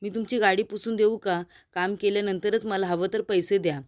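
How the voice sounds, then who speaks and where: A woman's voice: mid-range voice, fairly even intonation, normal speed, natural voice. A woman voicing a humble, hungry poor old man in a serial recap.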